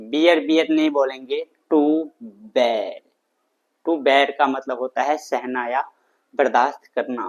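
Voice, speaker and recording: A man with an Indian accent teaching English phrases in a live online class, explaining in Hindi and repeating sentences slowly for learners. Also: mid-range voice, dull audio. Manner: slow, drawn-out model sentences repeated for learners. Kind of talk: live online language lesson. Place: home room.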